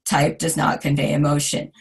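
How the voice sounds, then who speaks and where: A hoarse woman in her forties giving a recorded design lecture, chatty and self-deprecating with asides to her students. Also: deep voice, monotone, moderate pace. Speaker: design instructor.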